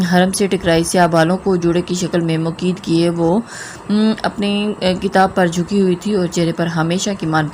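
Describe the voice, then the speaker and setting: A woman's voice: fairly low pitch, a little mellow, slight background noise. Woman reading a romance novel aloud. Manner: reads dialogue of all characters in her own voice, with small slips and fillers. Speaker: narrator.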